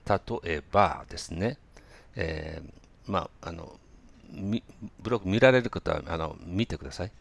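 A man gives a relaxed pronunciation lesson in a very deep voice full of vocal fry. He hesitates often with fillers, then slows right down to model phrases for listeners to repeat. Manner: hesitant, many fillers, slow drilled demonstrations. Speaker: English pronunciation teacher.

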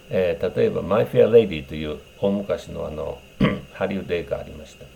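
Low dark-voiced guy explaining english greetings, loads of umms, tries out the phrases. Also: gravelly, slight background noise. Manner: unhurried, explanatory, many fillers, demonstrates English phrases. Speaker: English teacher. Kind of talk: casual spoken lesson on English greetings.

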